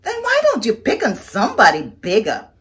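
Woman voicing a friendly ladybug, picture book, sweet, gentle, high and bright. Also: wildly swooping pitch, normal speed.

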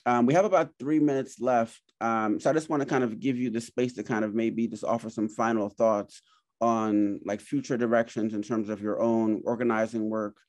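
A middle-aged Jamaican man moderates an academic talk over a video call from his home office. His voice is fairly low, steady, and a little mellow, moving at a moderate pace on a dry recording. He comes across as thoughtful, with plenty of fillers and hedges.

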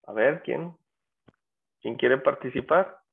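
A man teaching an English class, drawing out his example words slowly and coaxing students to answer. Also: medium pitch, creaky. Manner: slow, drawn-out English examples. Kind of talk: online class lecture. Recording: tinny phone-like audio.

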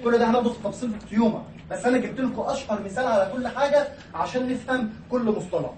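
A man's voice: extremely high pitch, very fast, darkish tone, a little hiss or hum. A man with an Egyptian accent teaching pathology, mixing English medical terms into his explanation and asking the class questions that he answers himself. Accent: Egyptian Arabic. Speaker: pathology lecturer. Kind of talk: recorded university lecture. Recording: echoey room, voice from far off the mic.

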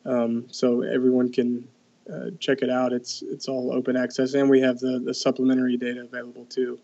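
A man's voice: mid-range voice, monotone, fairly quick, gravelly, mellow, muffled recording. A young man, a researcher, explaining his study findings in casual talk, with many "um"s and restarts. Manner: hesitant, many fillers and restarts. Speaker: guest researcher. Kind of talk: conversational expert explanation.

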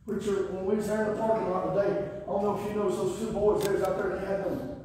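A man, preaching a sermon as guest pastor, pacing and swinging from quiet asides to sudden shouts. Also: high voice, fast, a little hiss or hum. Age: 50s. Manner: animated, paces the platform and gestures. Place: wood-panelled church sanctuary, indoors. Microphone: far camera, no visible mic. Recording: echoey church hall from far off.

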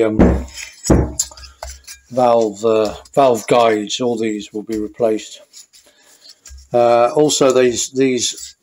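A motorcycle mechanic talks through an engine rebuild while working, thinking aloud with fillers and restarts in hands-on workshop commentary. His medium-pitched voice is a little mellow. The audio is poor, with a bit of hiss or hum.

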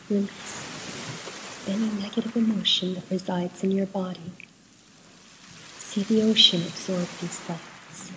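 Guiding listeners through meditation, a woman speaks softly and sometimes breathily at a medium pitch. Her calm, unhurried manner leaves pauses between brief instructions, and the background is noisy.

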